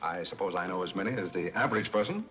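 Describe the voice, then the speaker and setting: An actor playing a composed, deferential butler in 1930s screwball comedy banter, formal, measured and deadpan. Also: male voice, sits low, low-quality recording. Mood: polite deadpan. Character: composed, deferential, dryly dignified male butler. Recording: old 1930s film soundtrack, music behind.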